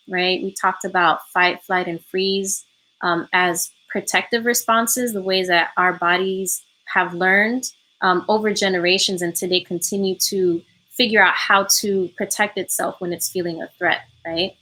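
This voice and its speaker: A woman's voice: mid-range voice, fairly even intonation, unhurried, sharp tone, low-quality recording. A woman facilitating a healing workshop over a remote call, speaking reflectively with many ums and a habit of ending points with "right?". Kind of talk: reflective online workshop talk. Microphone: remote call from home.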